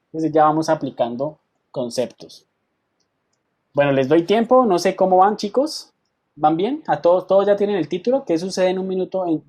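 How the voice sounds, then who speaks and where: Patient male software teacher. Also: fairly high pitch. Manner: patient step-by-step explaining, checks in with students. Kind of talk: online software class.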